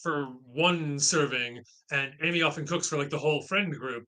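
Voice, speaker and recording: A man's voice: on the high side, normal speed, bright, forceful tone, low-quality recording. A man from central Pennsylvania, a guest on a podcast, chatting in a friendly, explanatory way. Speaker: guest, math content creator. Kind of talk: casual interview chat.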